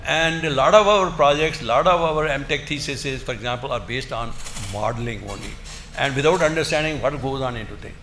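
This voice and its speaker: An older man giving an academic lecture in a halting, emphatic way, often repeating his words. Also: mid-range voice, fairly bright tone. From India. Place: indoor lecture room, seated at a desk. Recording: roomy echo, faint background noise.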